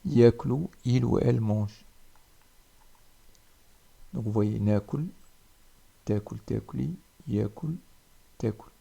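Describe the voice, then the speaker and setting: A man teaching a spoken language lesson, repeating each word slowly with pauses. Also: mid-range voice, gravelly, dark tone, breathy edge.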